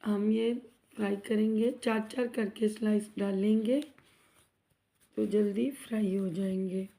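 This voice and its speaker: Warm, mid-range and touched with vocal fry, this woman's voice moves at a measured pace with little pitch variation. She hosts a home cooking vlog from her kitchen, narrating casually as she fries snacks through a sore throat. Chatty with viewers, she calls them "guys" and asks for subscribes.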